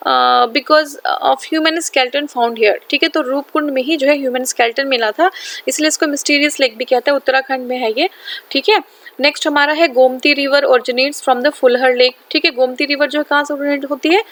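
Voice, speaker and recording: A woman with an Indian accent teaching an exam-prep geography lesson, reading English lines slowly and then repeating each point in Hindi with frequent check-ins. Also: high voice, steady tone, fairly bright tone.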